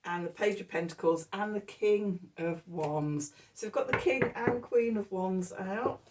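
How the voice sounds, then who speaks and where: A woman's voice: medium pitch, measured pace, slight background noise. A woman giving a casual, chatty tarot reading, full of ums, with a voice a little distant from the mic. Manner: chatty and laughing often, with many ums. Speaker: tarot reader.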